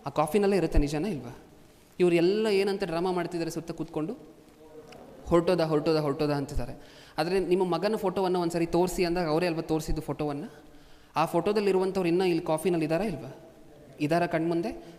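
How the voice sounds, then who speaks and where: A man's voice: fairly high pitch, steady tone, quick pace, a little mellow. A man preaching a sermon to a congregation, constantly asking them rhetorical questions. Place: large hall before a congregation. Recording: long hall reverb.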